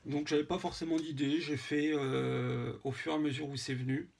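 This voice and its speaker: A man casually showing a handmade photo album, talking to viewers with many pauses and fillers. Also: fairly high pitch, level tone, creaky, a little mellow, breathy edge. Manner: hesitant, many fillers, chatty asides to viewers. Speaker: scrapbooking vlogger. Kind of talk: casual show-and-tell.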